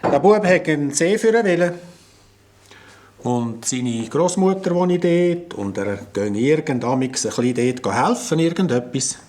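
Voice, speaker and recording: A man with a Swiss German accent plays an earnest desk policeman at a small station in a children's radio play. His voice is a little high, expressive, slightly slow and a little mellow, and he talks plainly with a touch of hesitancy. The recording is noisy.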